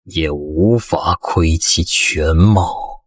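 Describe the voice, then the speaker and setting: A man voicing an aloof ancient sage master in an animated comic, speaking in slow, measured pronouncements. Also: low-pitched, no echo, exaggerated voice. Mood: solemn.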